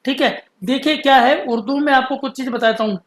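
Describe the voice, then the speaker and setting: A man teaching Urdu script, patiently explaining and stretching out letter sounds slowly. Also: very high voice, fairly bright tone, echoey room. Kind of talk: explaining a lesson.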